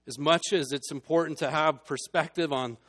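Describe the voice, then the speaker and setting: A man delivering a sermon from the pulpit. His voice sits a touch higher than most men's, and he drops to a hushed hold before climbing into emphatic, ringing lines. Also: steady tone, normal speed. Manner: swings between hushed and emphatic. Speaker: pastor.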